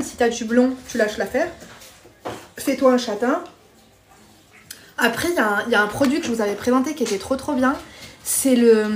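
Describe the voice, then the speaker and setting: A woman with a voice on the high side hosts a live stream, bluntly chatting with viewers, reading their comments and giving dating advice while calling them pet names. There's a little hiss or hum.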